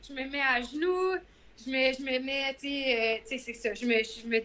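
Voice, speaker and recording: Young quebec woman, high bright voice, casual chat, animated storytelling. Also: moderate pace. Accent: Quebec French. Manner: animated storyteller, acts out quoted lines. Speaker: guest runner.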